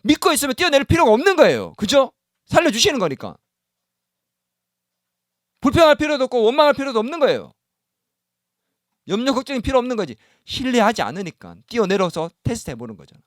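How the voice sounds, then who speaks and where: A man's voice: very high-pitched, big pitch swings, quick pace, pauses often, no room sound, studio quality. A male pastor preaching a sermon in a church, often asking the congregation questions and acting out the words of doubting believers. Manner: voices doubting believers in first person. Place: church sanctuary.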